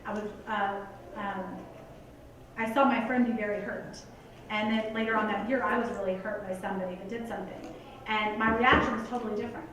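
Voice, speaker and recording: Earnest and conversational, a motivational speaker addresses a live audience, peppering her talk with "like" and "you guys." Her mid-range, slightly bright voice is brisk with fairly even intonation, picked up from a distance in an echoey hall.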